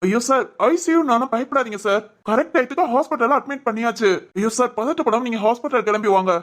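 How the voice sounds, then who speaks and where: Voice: mid-range voice, fast talker, close to an everyday voice. A voice actor playing a young man in a cartoon who is exasperated, teasing and talks to himself. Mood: reassuring. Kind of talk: Tamil cartoon voice acting.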